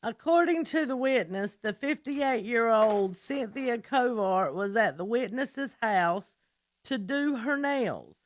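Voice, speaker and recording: A woman co-hosting a morning radio show, reading out a news report at a steady pace and adding dry remarks. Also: a little high, slow pace.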